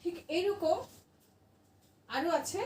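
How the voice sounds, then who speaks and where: Woman teacher, high voice, patient question-and-answer lesson, distant mic with room echo. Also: slow pace, darkish tone, slight background noise. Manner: patient, asks the class questions and answers them herself. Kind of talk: classroom grammar lesson.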